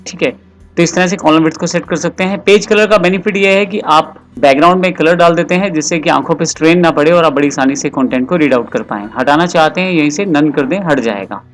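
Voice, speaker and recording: A man giving a patient, step-by-step software tutorial voice-over as a computer course tutor. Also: on the high side, fast, soft background music.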